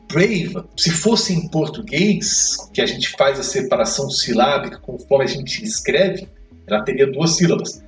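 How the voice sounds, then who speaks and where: A man teaching an English grammar lesson, explaining step by step and checking in with quick questions. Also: medium pitch. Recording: echoey room, mic far off, faint music.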